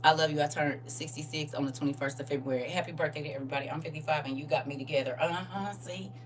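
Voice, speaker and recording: A woman in her forties hosting a casual livestream, animated and teasing as she reads viewer comments aloud. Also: sits low, fast talker, recorded from a distance, background noise.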